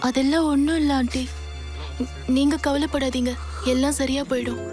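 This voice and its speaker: Polite young girl, played by an actress, high and soft, faint music. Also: fairly even intonation, normal speed, close to an everyday voice. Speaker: friend of the missing girl. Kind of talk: film drama acting.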